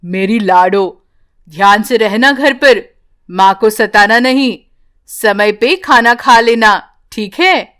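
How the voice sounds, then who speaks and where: Lady doing a soft slow dad in a cartoon, kind and fond. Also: medium pitch. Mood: tender. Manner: slow, gentle, caring. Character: fond father leaving for work.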